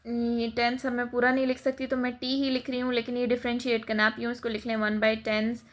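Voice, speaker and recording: A woman's voice: a little high, completely flat delivery, fairly quick. A woman math teacher, explaining a lesson step by step in a patient classroom manner, mixing English terms in. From Pakistan.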